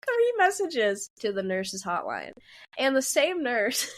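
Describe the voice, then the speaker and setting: A woman in her twenties co-hosts a podcast, telling a rambling story in casual chat, laughing and acting out what people said. Her voice is fairly high, with big swings in pitch and a slow pace.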